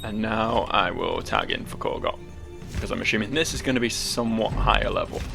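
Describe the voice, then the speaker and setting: Male let's play host: sardonic, sweary, offhand, gravelly fry in the voice, game music underneath. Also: on the low side, brisk. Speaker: gaming video host. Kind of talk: casual let's play commentary.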